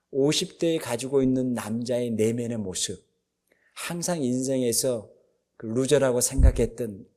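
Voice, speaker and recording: A man's voice: mid-range voice, a little mellow. A male pastor preaching a sermon, retelling a film's story in a conversational way with frequent fillers.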